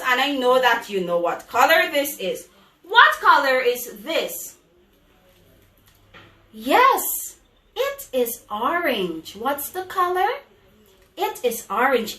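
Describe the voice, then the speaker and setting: Female preschool teacher, high and slow, overbright singsong questioning for little children, recorded off-mic in an echoey room. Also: bright, forceful tone. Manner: overbright, exaggerated kids-host delivery with singsong questions. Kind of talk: children's lesson, call-and-response. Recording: echoey room, distant microphone.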